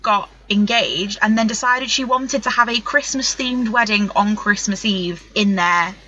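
A woman's voice: medium pitch, a little slow, bright, forceful tone, lo-fi sound. A woman co-hosting a podcast, chatty and amused as she sums up stories. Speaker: podcast co-host. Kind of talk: casual chat, summarizing stories.

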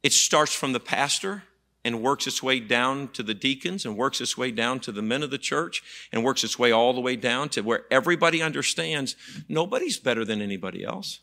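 A man preaching, his voice bright and forceful. He speaks to the congregation in a folksy, emphatic way, circling back on repeated words as he drives each point home. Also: mid-range voice, expressive, a little fast, creaky. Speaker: pastor. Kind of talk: sermon.

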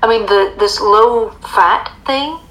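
A woman's voice: mid-range voice, takes it slowly, fairly bright tone, rough recording. An American woman in casual chat, explaining with emphasis and tossing in rhetorical questions. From United States.

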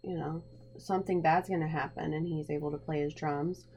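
Woman, slightly low pitch, casual podcast co-host, spooky-topic chat, humming noisy background. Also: steady tone, fairly quick, a little mellow. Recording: clear background noise with hum.

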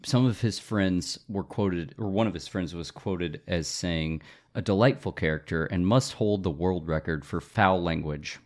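A man's voice: deep voice, a little slow. A man co-hosting a podcast, telling a history story in casual chat, often laughing and spelling out names.

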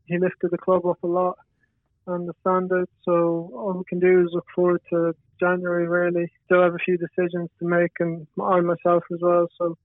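A man's voice: high voice, completely flat delivery, moderate pace, dry recording. A young man with a west of Ireland accent giving hesitant, understated answers as a footballer in a casual interview. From Galway, west of Ireland. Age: young adult. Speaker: footballer, podcast guest. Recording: tinny band-limited radio-like line.

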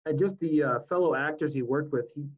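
An easygoing man in his forties co-hosting a casual talk show, telling stories with plenty of halting fillers. His voice sits a bit high for a man. The recording sounds dull and lo-fi. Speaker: co-host. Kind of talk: casual chat.

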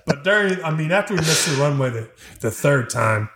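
A man's voice: fairly high pitch, lively intonation, brisk, a loud crowd. A man co-hosting a podcast, telling easygoing, rambling anecdotes in casual chat.

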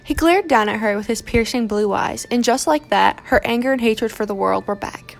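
Gravelly woman reading a novel aloud. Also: a little high, moderate pace. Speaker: narrator. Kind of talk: scripted audiobook narration.

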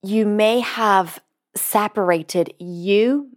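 Female coach hosting a podcast; earnest, measured, steady explainer. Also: mid-range voice. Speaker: podcast host and binge eating coach. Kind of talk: podcast monologue.

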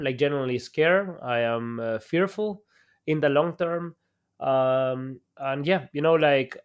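A man's voice: mid-range voice, clean tone. A man from El Salvador, an entrepreneur guest on a podcast, speaking over a video call with many fillers and restarts. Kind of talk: podcast interview.

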